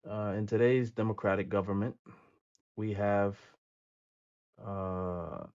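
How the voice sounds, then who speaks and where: Low-voiced man reading statistics on camera. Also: darkish tone, muffled recording. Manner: measured reading with frequent filler pauses. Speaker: video host. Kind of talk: reaction commentary, reading statistics.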